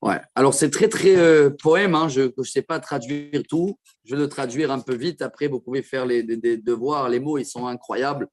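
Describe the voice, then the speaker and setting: A man teaching a Torah class as a rabbi, explaining verses with quick asides to his listeners. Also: medium pitch, darkish tone. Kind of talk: Torah lesson.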